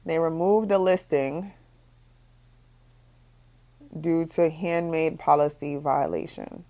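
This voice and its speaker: A young woman running her own swimwear shop tells a casual vlog story. Her voice sits a little low, and she repeats phrases as her exasperation grows, pushing her pitch higher when the frustration peaks. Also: steady tone, slow, vocal fry, mellow. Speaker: small business owner, bikini designer.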